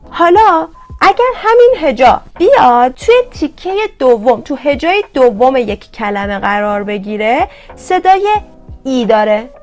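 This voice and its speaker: A young woman teaching a language lesson with an Iranian Persian accent, patiently repeating sounds slowly for learners. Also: on the high side.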